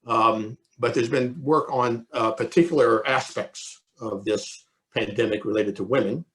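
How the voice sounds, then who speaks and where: A man's voice: medium pitch, steady tone, unhurried, fairly bright tone. An older man giving an academic lecture, hesitant, with many fillers and restarts, chuckling at his own asides. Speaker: economist giving a presidential address.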